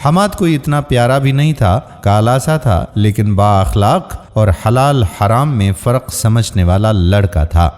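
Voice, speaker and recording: A man narrating an emotional story in a steady, earnest way. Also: fairly low pitch, few pauses. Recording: long reverb.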